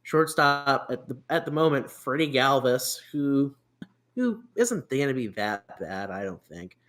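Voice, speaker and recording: A man chatting on a casual sports podcast, rambling with frequent restarts and fillers. His voice sits at an ordinary middle pitch, and the talk is loose and unscripted. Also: big pitch swings, unhurried, fairly bright tone. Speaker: podcast host.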